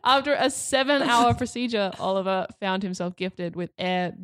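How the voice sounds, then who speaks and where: A woman co-hosting a casual podcast reads an article aloud, breaking into giggles between phrases. She sits at a middling pitch. Her voice is recorded close and dry. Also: moderate pace, fairly bright tone, no echo. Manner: giggly, reads aloud while stifling laughter. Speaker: podcast co-host.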